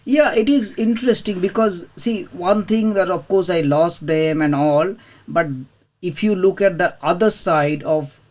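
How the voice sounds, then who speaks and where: A man in his thirties, originally from India, speaks as a guest on a casual podcast interview about his work as a property investor. His voice is high-pitched and darkish, and he talks unhurriedly. He sounds hesitant, with frequent fillers and restarts.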